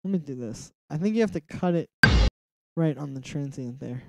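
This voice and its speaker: In a small room at home, a young man with a nasal, slightly high, creaky voice hosts a casual music production livestream at normal speed. He rambles comfortably, saying "like" often and mumbling to himself, over very noisy audio.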